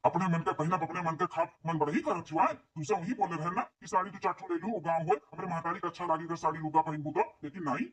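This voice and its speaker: This is a cartoon husband, young and stern, lecturing in an Awadhi accent, voiced by a man. His voice is high and quick. He sounds slightly away from the mic. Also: a bit bright, recorded from a distance, lightly acted. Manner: firm, lecturing. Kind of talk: cartoon comedy voice acting. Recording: voice a little off-mic.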